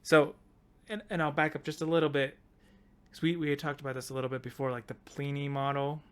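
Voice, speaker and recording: A man's voice: fairly high pitch, flat delivery, quick pace, clean tone. A man co-hosting a podcast in casual chat, rambling and laughing as he talks things through. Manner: rambling, self-interrupting, laughs often. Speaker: podcast co-host.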